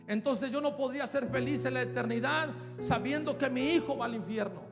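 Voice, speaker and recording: A man preaching a fervent sermon as pastor, swinging from hushed pleading to shouting. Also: extremely high pitch, a little fast. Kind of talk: Pentecostal-style sermon. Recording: live church hall with piano behind.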